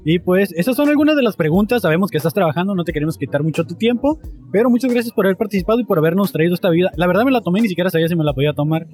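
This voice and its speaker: A man with a Mexican accent hosting a casual street interview, relaxed and joking as he reads out questions. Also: high-pitched, rapid-fire, faint music behind. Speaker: podcast host. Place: outdoors on a street.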